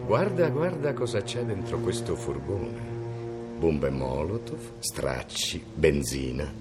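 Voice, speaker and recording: A man's voice: extremely low pitch, sing-song, slow pace, loud music behind the voice, heavily acted. An actor playing a smug, confident male police inspector.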